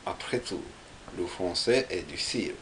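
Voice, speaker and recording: Unhurried and expressive, the man's low voice has a somewhat bright tone, with a little hiss or hum behind it. He's Japanese, with a Japanese accent, and is learning French in a practice monologue, carefully going over the pronunciation syllable by syllable and repeating it in Japanese.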